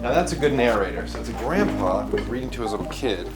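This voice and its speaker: A man speaking gently and encouragingly to his talking speaker friend, outdoors in a city with music behind. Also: medium pitch, very animated, quick pace, close to an everyday voice. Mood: chatty. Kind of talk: scripted short-film acting.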